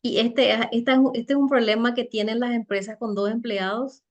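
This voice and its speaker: A woman giving a conversational seminar talk on soft skills, chatty and halting, often tagging her points with rhetorical questions. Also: a little high, steady tone, highs cut off. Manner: chatty, with frequent rhetorical tag questions and light laughs; loose, halting delivery with many fillers and restarts. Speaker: speaker teaching soft skills for network marketing.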